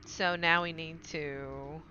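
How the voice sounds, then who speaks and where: A chatty woman streamer talks her way through a game, rambling and laughing as she goes. Her voice sits a little low but sounds bright and forward, and the stream audio comes through dull and lo-fi. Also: steady tone, slow pace, slight background noise. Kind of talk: casual gaming stream chat.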